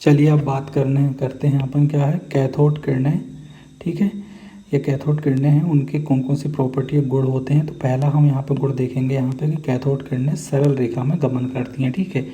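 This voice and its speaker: A man's voice: medium pitch, little pitch movement, moderate pace, dark tone. A man with a Hindi accent teaching a chemistry class. He explains step by step, checks in often to ask if the class follows, and answers his own questions. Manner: explains step by step with constant "theek hai" check-ins. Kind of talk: chemistry lesson. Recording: echoey room with long reverb, faint background noise.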